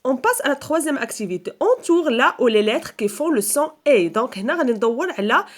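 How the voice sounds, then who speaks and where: A woman with a Moroccan accent teaching a school lesson for young children, explaining step by step with patience and stretching out example words slowly and repeating them. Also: high voice, very animated.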